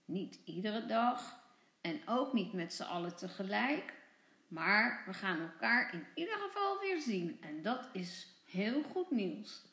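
A woman teacher reading a children's story aloud, slow and very animated in pitch. The delivery is clear and expressive, and the recording sounds roomy and echoey. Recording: echoey room.

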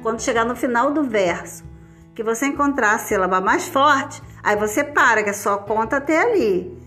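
Over soft background music, a Brazilian woman teacher explains a lesson step by step, chatty and frequently checking on her students in this casual recorded class. She speaks with a Brazilian Portuguese accent in a fairly high, expressive, sharp voice at a moderate pace.

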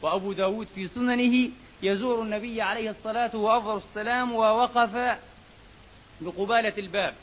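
A man delivers a mosque sermon at a brisk clip, pitched high for a man. He is emphatic and repeats his key phrases. The recording is dull and lo-fi, with a faint hiss behind it. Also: fairly even intonation, fairly bright tone. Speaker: preacher. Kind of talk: Friday sermon.

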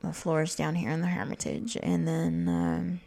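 A woman's voice: completely flat delivery, a little slow, creaky, warm tone. A young adult woman talking in a rambling, casual monologue, full of fillers and restarts, acting out quoted lines. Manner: meandering, many fillers and restarts; acts out quoted voices with jumps in pitch. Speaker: podcast host.

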